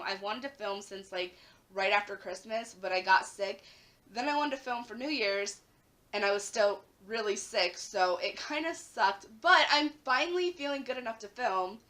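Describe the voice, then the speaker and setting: A young woman vlogs casually to her camera at home, her mid-range, slightly bright voice raspy and a bit hoarse after the flu. She's chatty, uses lots of "like" fillers, and adds rising emphasis.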